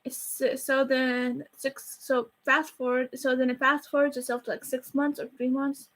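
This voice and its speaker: High-voiced chatty woman rambling fast. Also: flat delivery, a bit bright, rough recording. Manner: chatty, rushed, self-deprecating, rambling. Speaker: YouTuber reviewing a movie. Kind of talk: casual rambling review. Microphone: camera facing her.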